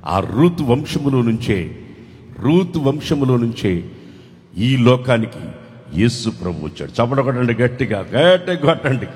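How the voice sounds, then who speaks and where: A male pastor preaching fervently at a large convention, swinging between soft lines and shouts and urging the crowd to clap. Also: medium pitch, sing-song, normal speed. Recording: long reverb of a large hall.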